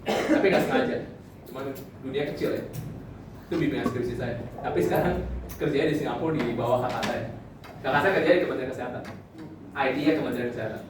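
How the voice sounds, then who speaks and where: A man's voice: medium pitch, quick pace. Chatty male lecturer in an echoey classroom. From Indonesia. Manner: chatty, keeps asking "right?". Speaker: university lecturer. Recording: echoey room from far off, faint noise.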